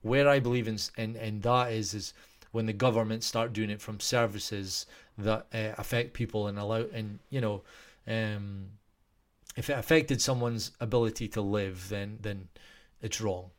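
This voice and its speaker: A man's voice: lowish voice, fairly even intonation, moderate pace. A man with a Scottish accent talking casually to his viewers in a rambling way, full of restarts and fillers. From Scotland.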